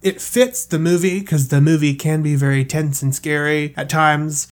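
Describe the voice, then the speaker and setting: A man's voice: on the high side, fairly even intonation, normal speed. A man co-hosting a podcast, explaining film music in a casual, filler-heavy way with some swearing. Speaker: podcast co-host.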